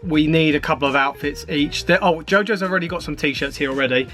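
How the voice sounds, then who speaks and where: A man's voice: a little high, brisk, a bit bright, faint music behind. A man vlogging, chatting casually to the camera and to his partner.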